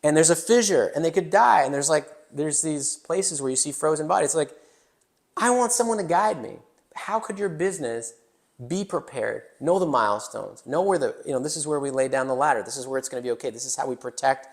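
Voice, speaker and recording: A man with a gravelly, fry-edged voice sitting a touch high for a man hosts a casual business podcast. He talks in an animated, joking way, tossing in asides and the odd mild swear, from a newly built indoor studio. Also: fast talker. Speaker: podcast host.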